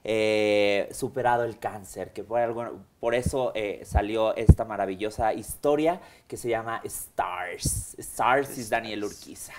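A Mexican man in his thirties, seated as an interview guest in a small studio, telling his story in a lively, animated way. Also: fairly low pitch, a little slow, hardly any pauses, slight background noise. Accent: Mexican Spanish. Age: 30s. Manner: animated and expressive, gestures with hands, many fillers. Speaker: interview guest, hair extension stylist. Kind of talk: casual conversational storytelling. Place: small indoor studio set, seated in armchair.

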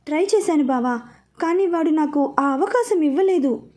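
A woman's voice: high-pitched, expressive, normal speed, darkish tone, pitched above the performer's own voice. A woman voicing a playful young woman who sulks and pleads when scolded. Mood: tearful. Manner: sulky, pleading.

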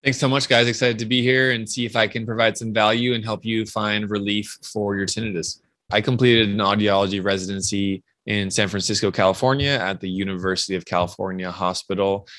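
A man in his thirties, an audiologist answering a viewer's question in a measured, explanatory way. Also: fairly low pitch, fairly even intonation, fairly bright tone, no room sound. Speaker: audiologist guest.

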